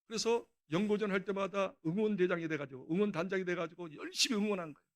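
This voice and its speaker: Male pastor, middle-aged, high voice, dramatic storyteller who bursts loud. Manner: storytelling, acting out quotes with sudden loud outbursts. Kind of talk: dawn prayer sermon.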